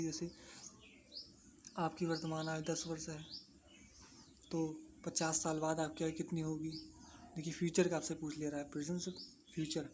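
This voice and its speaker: A maths teacher walks students through a lesson in an even, unvaried tone. They go over each step twice, asking a question and answering it themselves. Faint birdsong and low background noise sit behind the voice. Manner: repeats points, asks and answers own questions. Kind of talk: explaining a lesson to exam students.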